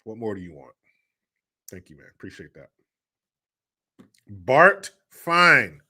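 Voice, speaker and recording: Bright-voiced laid-back male streamer. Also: medium pitch, sing-song, takes it slowly. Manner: laid-back, profane banter. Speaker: live stream host. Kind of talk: casual live stream chat reading viewer messages.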